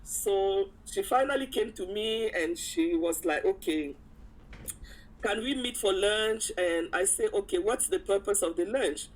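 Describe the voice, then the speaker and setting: Over poor audio with slight background noise, a woman of medium pitch talks at a measured pace. As an interview guest, she relaxes into a personal anecdote, performing the quotes herself and chuckling often as she goes.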